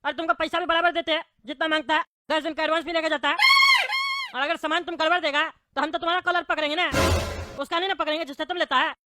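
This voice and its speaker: A woman in a comic sketch, loudly scolding and shouting. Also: sits high, steady tone, fast talker, music in the background. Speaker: comedy sketch actor.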